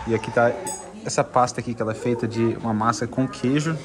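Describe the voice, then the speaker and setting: This southern Brazilian travel food vlogger, a man from Santa Catarina, chats informally inside a restaurant as he samples food, frequently saying things twice. He speaks fast with fairly even intonation in a mid-range voice, and the recording is very noisy with restaurant bustle behind him.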